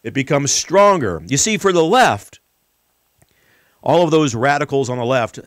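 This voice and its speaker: An American man hosting a political talk show, delivering an emphatic, rhetorical monologue with deliberate pauses and repetition. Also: mid-range voice, animated, a bit bright, no echo, studio quality.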